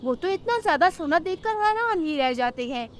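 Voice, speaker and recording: A woman narrating a children's cartoon story in a plain, steady way. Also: very high-pitched, normal speed, a little hiss or hum.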